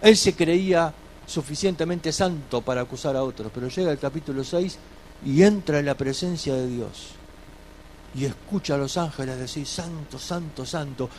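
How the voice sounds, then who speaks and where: A man preaching a sermon, slowing on key phrases and dropping quiet for scripture readings. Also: fairly high pitch, a little hiss or hum.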